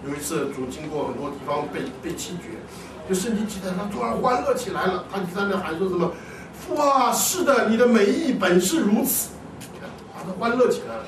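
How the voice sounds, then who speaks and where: A man preaching a sermon to a congregation, animated, often asking his listeners questions and answering them himself. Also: high voice, a little hiss or hum. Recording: echoey hall, distant mic.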